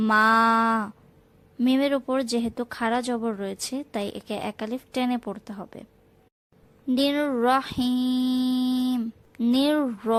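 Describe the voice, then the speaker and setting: A woman with a fairly high voice, whose first language is Bengali, teaches Quran recitation. She chants the verses slowly and carefully, drawing out every sound, then switches to plain speech to explain the pronunciation rules.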